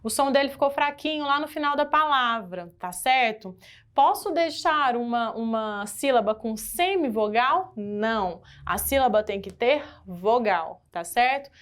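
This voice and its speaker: A woman's voice: on the high side, animated, a little slow, fairly bright tone, clean tone. A woman with a Brazilian Portuguese accent teaching an exam-prep grammar lesson, asking the class questions and stressing key words.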